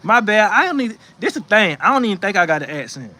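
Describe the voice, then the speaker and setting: Very animated and fast, a man with a high, pushed, bright voice hosts a faith livestream while sitting in a rocking chair on his porch outdoors. He reads the chat and gives casual spiritual encouragement, talking in a chatty, preachy way with lots of restarts and "you know what I'm saying."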